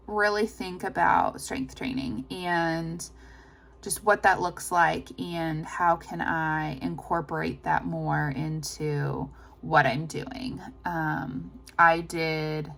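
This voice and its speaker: A woman's voice: on the low side, gravelly, a bit bright. A woman talking casually to her vlog audience, rambling informally as she thinks aloud. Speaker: running vlogger. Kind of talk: casual personal vlog chat.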